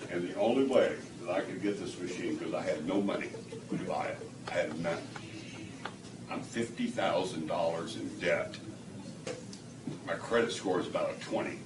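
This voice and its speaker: A man's voice: sits low, normal speed. A man telling his testimonial to a small audience, acting out the dialogue and laughing often. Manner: animated storyteller, acts out quoted dialogue, laughs often. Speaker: testimonial speaker at a product demo. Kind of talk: storytelling testimonial to a live audience. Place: indoor room with a small audience. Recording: echoey room from a distance, audible background noise.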